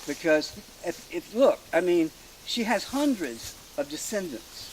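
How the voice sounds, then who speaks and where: A middle-aged man telling family history to a gathered group outdoors at a rural graveside, in a hesitant, halting way with many fillers and restarts. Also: high voice, big pitch swings, darkish tone, slight background noise, low-quality recording. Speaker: family historian speaking at a family reunion. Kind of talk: informal storytelling speech to a gathered group.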